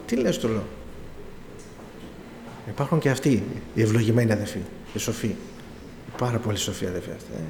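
Preaching his testimony, a middle-aged man tells his own story using quoted dialogue and pleading emphasis. His voice is low-ish, darkish, and expressive, with many pauses, and the hall sounds echoey with faint background noise.

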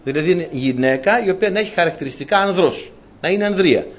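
Preacher guy giving a sermon, kinda high voice, chatty asides, keeps saying dear brothers. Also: expressive. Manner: storytelling with colloquial asides; addresses congregation as dear brothers.

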